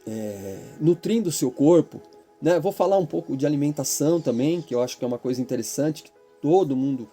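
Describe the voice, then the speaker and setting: A middle-aged Brazilian man talking to his channel's listeners in a reflective, rambling monologue, often tagging his sentences with a questioning "né?" and pausing on filler sounds. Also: medium pitch, warm tone. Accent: Brazilian Portuguese. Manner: rambling, keeps adding the tag "né?" and filler "é". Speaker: channel host.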